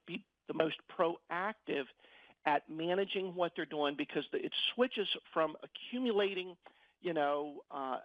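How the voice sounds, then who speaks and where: A man's voice: a little high, no echo, lo-fi sound. A middle-aged man explaining things as a financial advisor in a radio interview, often repeating words as he searches for phrasing.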